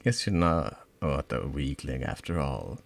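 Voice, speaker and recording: This is a spiteful teenage girl who turns on her friend in a role-playing game, put on by a man. She mocks and threatens in a cold, unhurried way. The voice sits extremely low and rough, with lively swings in pitch. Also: heavily acted. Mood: menacing. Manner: taunting, cold and menacing.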